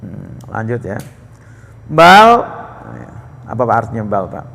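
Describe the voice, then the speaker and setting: A man's voice: lowish voice, very animated, slow, gravelly, fairly bright tone, long reverb tail. A man teaching Quran commentary in a mosque, explaining Arabic words phrase by phrase and addressing his listeners as "Pak".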